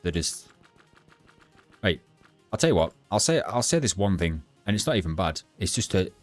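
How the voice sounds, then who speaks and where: A young man streaming a game, chatting bluntly and rambling with halting restarts to his live chat. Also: deep voice, big pitch swings, no echo, soft background music. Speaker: gaming livestreamer.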